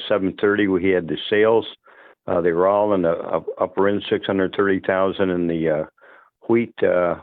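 Deep-voiced man on a phone line. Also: no room sound. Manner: halting, many fillers and restarts. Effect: over the phone. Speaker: market analyst. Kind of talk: market commentary.

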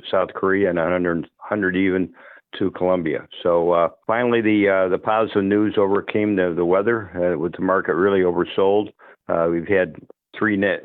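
A man giving market commentary over the phone, halting with many fillers and restarts. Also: low-pitched, no echo. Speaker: market analyst. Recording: tinny phone line.

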